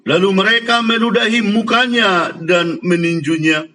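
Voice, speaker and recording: A man leading a worship service and reading a scripture passage in a slow, deliberate, reverent way. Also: sits high, bright, forceful tone.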